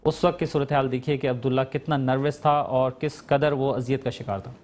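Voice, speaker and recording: A man hosting a TV talk show, leading a guest interview with measured, probing questions and thoughtful fillers. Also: medium pitch, steady tone, a little mellow.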